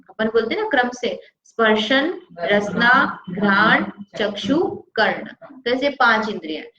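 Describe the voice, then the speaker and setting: A woman with a fairly high voice teaches a scripture lesson. She keeps putting questions to her listeners and then answers them herself. The sound is roomy and dull, like an old lo-fi recording. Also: a bit bright. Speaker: religious teacher. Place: studio.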